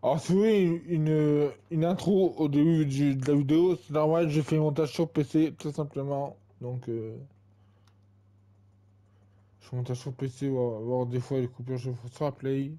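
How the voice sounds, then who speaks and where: A man's voice: a little high, steady tone, normal speed, mellow. A man in his twenties giving casual gameplay commentary, rambling and full of fillers and repeated tags. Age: 20s. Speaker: gaming channel host.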